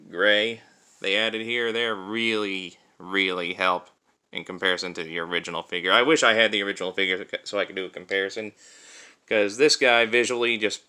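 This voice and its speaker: A man with a lowish voice talks informally through a hands-on toy review, explaining things step by step. His tone is bright and forceful, and the sound is clean.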